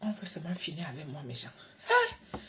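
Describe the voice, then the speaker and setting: Low-voiced woman chatting on a live stream. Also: huge pitch swings, fairly quick, very noisy. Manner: reads out and answers viewers by name. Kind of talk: casual live-stream chat. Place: her home at night, indoors.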